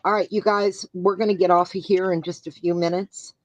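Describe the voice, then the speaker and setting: A woman hosting a casual live chat, talking in a homey, drawn-out way. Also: lowish voice, fairly even intonation, lo-fi sound. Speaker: livestream host.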